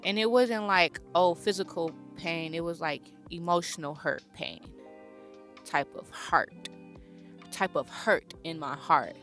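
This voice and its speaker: A young woman hosting her own podcast, talking slowly and reflectively in a personal, heartfelt monologue and pausing to search for words. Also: fairly low pitch, fairly bright tone, soft background music. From born near Chicago, raised near Atlanta. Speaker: podcast host.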